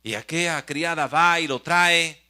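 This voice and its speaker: A male pastor preaching a sermon, swinging from loud exclamations to hushed near-whispers and speaking directly to the congregation. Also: fairly high pitch, a little slow, clean tone.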